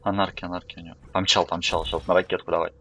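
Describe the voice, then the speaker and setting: A man streaming a game with casual, offhand commentary. His voice is fairly low and gravelly, delivered in short reactions, with clear noise from the game behind him. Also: level tone, rapid-fire. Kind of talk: casual live gameplay commentary. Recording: noisy stream with game sounds.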